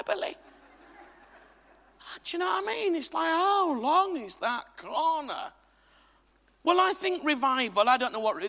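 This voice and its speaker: Bright and forceful, this man's high voice fills a church hall where he, an Englishman, preaches with emphasis and humor, throwing asides to the congregation. The recording echoes with the hall's reverb.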